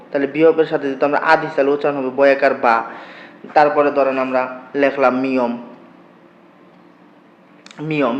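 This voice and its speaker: A man teaching Korean letters in a lesson, patiently asking questions and answering them himself. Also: mid-range voice. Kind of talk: classroom-style lesson explaining letters. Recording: echoey room, slightly dull lo-fi sound.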